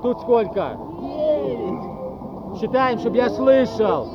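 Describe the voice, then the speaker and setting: Man, gym-bro fitness coach, very high pitch, commanding repeated counts and orders, muffled noisy outdoor recording. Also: animated, takes it slowly. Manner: commanding, repetitive gym-bro style motivating drill calls. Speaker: fitness coach leading a team training. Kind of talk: group workout instruction with counting.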